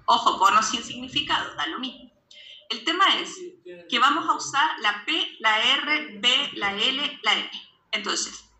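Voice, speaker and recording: A woman's voice: fairly high pitch, pushed and bright. A woman math teacher, giving a classroom lesson and often stopping to check that students follow. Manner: patient, checks understanding with frequent questions. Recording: echoey classroom with faint background noise.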